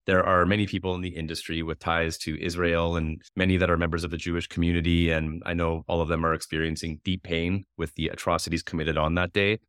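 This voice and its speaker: A man from Winnipeg, Canada, hosting an interview podcast with a hoarse smoker's rasp and a runny nose. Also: sits low, little pitch movement, fast talker, hardly any pauses, fairly bright tone, dry recording, studio quality. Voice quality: raspy, like a heavy smoker, from a strained throat. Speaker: podcast host.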